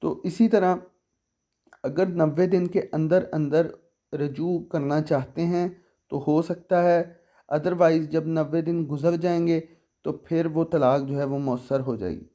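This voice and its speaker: A man gives a law lesson in a slow, deliberate way. His voice sits a little high and sounds mellow. He reads each statute clause carefully, then explains it and asks the listener what it means. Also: steady tone. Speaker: legal explainer.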